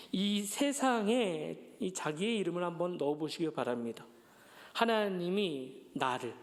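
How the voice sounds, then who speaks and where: High-voiced Korean pastor telling a story. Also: male voice. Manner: storytelling with acted-out quotes and gentle humor. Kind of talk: sermon. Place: church sanctuary.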